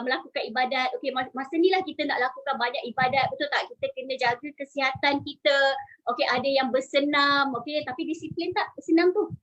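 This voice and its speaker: A woman in her forties with a Malaysian Malay accent, a salon owner giving an energetic live-stream talk and urging her viewers to join in, with English phrases mixed in. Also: sits high, muffled recording. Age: 40s. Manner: energetic, urges the audience, mixes in English phrases.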